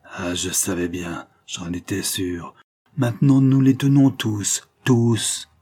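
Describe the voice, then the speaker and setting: A man's voice: on the low side, moderate pace, mellow, breathy edge. A man reading an audiobook voices a scheming, ruthless female adventuress who gives orders in an imperious, gloating manner. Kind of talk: audiobook character voicing.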